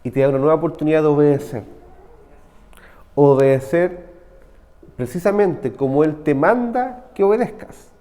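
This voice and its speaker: In a large church hall, a pastor with a Chilean Spanish accent preaches a conversational sermon, often asking his listeners "¿cierto?" ("right?"). His fairly high, dark-toned voice moves at a normal speed, broken by long pauses.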